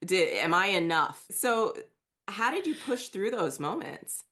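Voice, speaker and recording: A woman's voice: medium pitch, very animated, unhurried, sharp tone. A woman hosting a podcast, asking curious, friendly questions in a conversational interview. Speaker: podcast host.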